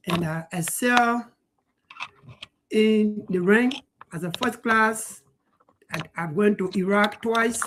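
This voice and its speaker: A man in his forties answering interview questions in an earnest, measured way. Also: sits high, slight background noise. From Liberia. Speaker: guest financial educator.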